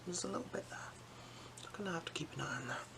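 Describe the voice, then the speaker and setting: Here an ASMR performer acts as an eye examiner, alternating a breathy whisper with soft speech to deliver gentle, reassuring, unhurried instructions. The medium-pitched voice is animated, and heavy background noise runs beneath it.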